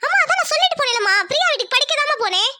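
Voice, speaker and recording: A woman's voice: extremely high pitch, big pitch swings, very fast, bright, forceful tone, full character voice. A woman voicing a nervous young daughter in a cartoon who hides a secret romance, with a pleading, evasive, stammering manner.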